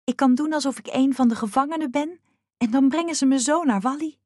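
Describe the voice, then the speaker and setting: A woman's voice: sits high, brisk, dark tone, no echo, studio quality, pitched above the performer's own voice, lightly acted. A woman voicing a determined young girl in an audiobook, earnest and resolute though scared.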